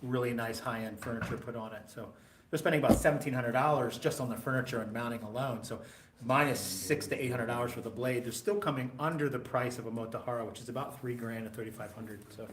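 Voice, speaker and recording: A man's voice: mid-range voice, fairly even intonation, fast talker. A man from South Jersey hosting a sword shop live stream, chatty and jokey, explaining at length. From South Jersey, USA. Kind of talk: casual live-stream sales chat. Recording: echoey shop room with faint noise.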